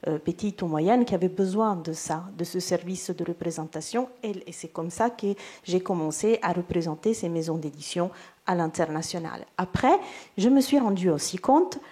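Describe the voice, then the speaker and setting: A woman in her thirties, a native Italian speaker with an Italian accent, speaks at a moderate pace in a fairly low, dark, slightly rough voice. She is a literary agent for illustrators answering on a round-table panel, hesitant and full of fillers and restarts.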